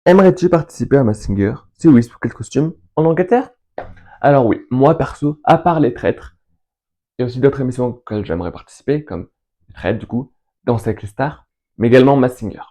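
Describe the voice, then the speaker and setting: A young man chatting casually as host, answering questions in an enthusiastic, rambling way and listing names between pauses. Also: medium pitch, animated, dark tone. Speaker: fan video host answering viewer questions. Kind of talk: casual chat.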